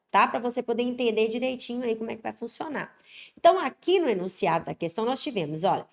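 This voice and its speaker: A Brazilian woman with a somewhat high voice walks students through grammar questions. She talks with lively emphasis and keeps checking in with quick tag questions. A slight congestion from an allergic cold sits in her voice. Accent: Brazilian Portuguese. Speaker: Portuguese teacher for exam prep. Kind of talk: online exam-prep lesson.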